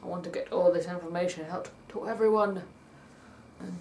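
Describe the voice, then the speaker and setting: A woman with a husky, not-yet-warmed-up voice rambles through a casual home vlog, reading points off a list, commenting on them, and spelling words out letter by letter. Her voice is lowish and steady and she talks fairly quickly, though the audio quality is poor. It's daytime, with faint traffic audible outside.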